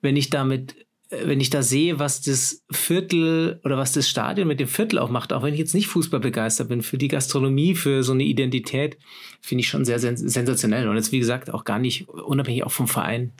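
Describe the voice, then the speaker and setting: A man hosting a casual podcast chat in a relaxed, easygoing way. He agrees readily with his guest and fills the gaps with short affirmations. His voice sits in an ordinary middle pitch. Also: brisk. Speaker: podcast host.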